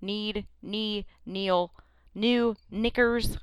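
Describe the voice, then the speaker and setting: A woman's voice: mid-range voice, fairly even intonation, very slow, clear, resonant tone, no room sound. A woman co-hosting a casual podcast chat, playful and quizzing her co-host with frequent laughs.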